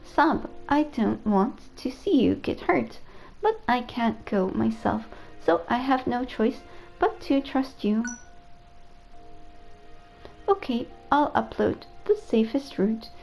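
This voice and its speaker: A polite robot AI caretaker frets over a human's safety, as a woman reads his lines from a video game. The voice sits a touch high with a gravelly fry running through it. Soft game music plays faintly underneath. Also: animated, takes it slowly, full character voice, rough recording. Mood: earnest. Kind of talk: reading game dialogue aloud.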